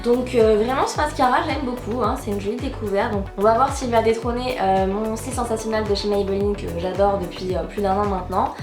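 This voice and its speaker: Speaking a little fast with few pauses, this young woman chats through a casual makeup tutorial in a medium-pitched, steady voice, leaning on fillers like "euh" and "donc voilà." The vlog recording is roomy and has loud background music.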